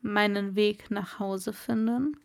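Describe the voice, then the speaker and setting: A woman voicing a polite, wary young fisherman in a storybook, speaking softly and deferentially. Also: fairly even intonation, takes it slowly, vocal fry. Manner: soft, lowered, deferential.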